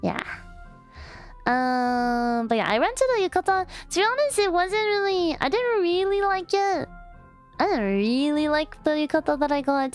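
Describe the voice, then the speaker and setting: Faint music plays as a young woman streamer chats casually on her livestream in a high voice. She's giggly and rambling, with lots of fillers and restarts, and treats her chat playfully and affectionately.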